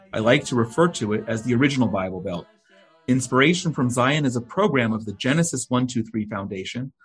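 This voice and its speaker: A man with a slightly husky voice hosts a conversational interview. He talks at an even middle pitch, pausing often with ums and restarting his phrases as he introduces his guest. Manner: warm, halting, with many ums and repeated words. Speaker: host. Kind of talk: hosted interview.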